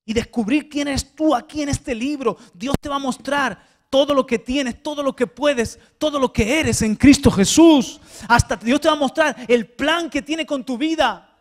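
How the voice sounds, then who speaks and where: A male pastor preaching a sermon to a congregation, swinging hushed tones to loud exhortation and often repeating small words. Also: very high-pitched, moderate pace. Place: church before a congregation.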